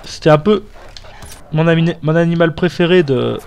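Young male gamer, casual commentary, slightly high, profane asides. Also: moderate pace, gravelly, a little mellow, clear, resonant tone. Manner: casual, swearing, chatty asides. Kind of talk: let's play commentary.

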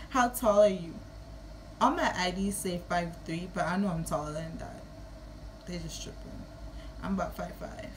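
A woman's voice: on the low side, moderate pace, noisy background. A woman in her early twenties with a Kittitian-Nevisian Caribbean accent, chatting casually and playfully to camera. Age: early 20s. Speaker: vlogger. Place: small room at home.

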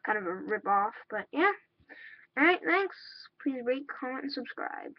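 A casual reviewer talking from behind a mask, voice muffled, rambling with lots of ums, recorded at home. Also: female voice, high voice, sing-song, normal speed, no echo. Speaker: vlogger reviewing gear. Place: at home indoors.

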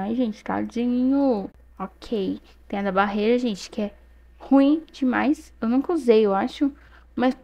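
A young Brazilian gaming youtuber with a Brazilian Portuguese accent and a slightly high voice commentates her gameplay at a desk mic. She's chatty and excitable, frequently exclaiming to her viewers.

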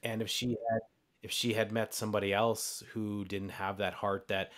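A man hosting a podcast conversation, speaking in slow, deliberate, affirming phrases. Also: fairly low pitch, flat delivery, a bit bright. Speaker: podcast host. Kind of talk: conversational interview.

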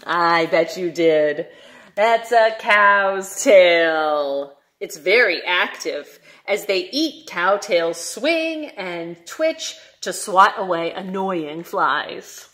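A young adult woman, a children's librarian, reads aloud at story time in a voice on the low side. Her delivery is animated, sing-song, and questioning, with drawn-out words.

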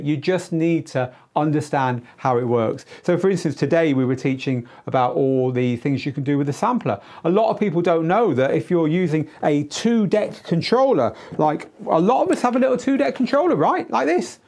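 Picked up by a lapel mic in a small indoor studio, a middle-aged host and DJ tutor answers questions live. His voice sits high and is a little mellow, and his explanations are informal, chatty and emphatic.

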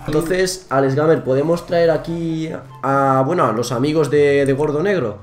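A man's voice: fairly high pitch, moderate pace, faint music behind. A young man with a Spain Spanish accent, teasing another player in casual gaming chat. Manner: teasing, mock-friendly. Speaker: youtuber pranking a player.

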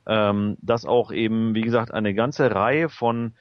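Guy hosting a talk radio show, lowish voice, kinda muffled lo-fi, lots of ums. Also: unhurried, dry recording. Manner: hesitant, many fillers. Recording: dull lo-fi sound.

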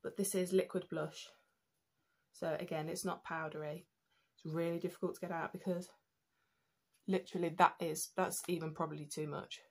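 A young British woman with a fairly low voice talks through her skincare routine at home. Her nose sounds slightly blocked. She chats loosely to camera with frequent ums and self-corrections. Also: flat delivery, moderate pace, darkish tone. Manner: chatty, many ums and restarts. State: stuffy nose. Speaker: beauty vlogger. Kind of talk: casual skincare tutorial.

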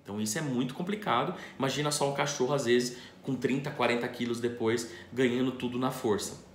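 A man's voice: medium pitch, a little fast, a little hiss or hum. A man, a dog trainer explaining puppy training to camera, asking and answering his own questions. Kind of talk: instructional talk to camera. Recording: echoey room.

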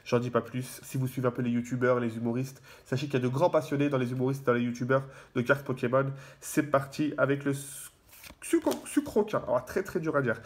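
A man giving casual, excitable commentary as he opens trading card packs, full of fillers and repeated words. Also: mid-range voice, quick pace, hardly any pauses.

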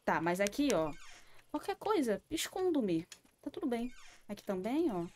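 A woman's voice: a little high, sing-song, normal speed, a little mellow, slight background noise. A Brazilian woman streaming a horror game, jumpy and scared, swearing often and talking to herself. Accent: Brazilian Portuguese. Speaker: gaming streamer. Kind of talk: live gaming commentary.

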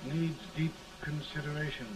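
An actor playing a humble, plainspoken frontier lawyer turned statesman, speaking slowly and earnestly in an early talkie film. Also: a little high, steady tone. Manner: slow, earnest and folksy. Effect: early talkie film sound. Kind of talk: 1930s film acting. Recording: distant, hissy early film soundtrack.

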